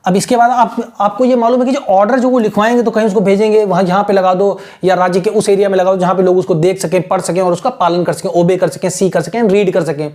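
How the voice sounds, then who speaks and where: A man, teaching as an English tutor, dictates phrases slowly and repeats them word by word. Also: sits high, fairly even intonation, a little mellow. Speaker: English tutor for exam aspirants. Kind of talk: online lesson dictation.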